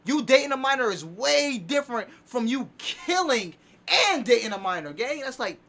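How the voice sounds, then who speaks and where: A male streamer giving excitable reaction commentary, repeating himself emphatically, his voice going hoarse from shouting. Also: very high-pitched, moderate pace.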